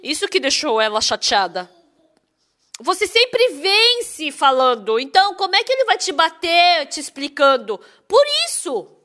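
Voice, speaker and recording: High, bright-voiced woman interpreting a sermon. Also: moderate pace. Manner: lively, asks rhetorical questions.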